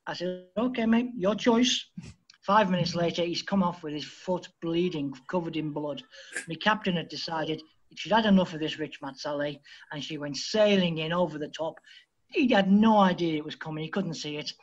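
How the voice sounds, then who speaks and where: A man from Liverpool, a football coach telling lively anecdotes as a podcast guest and acting out the dialogue. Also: on the high side, moderate pace, highs cut off. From Liverpool, England. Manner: lively storyteller who acts out quoted dialogue. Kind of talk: anecdotal interview storytelling.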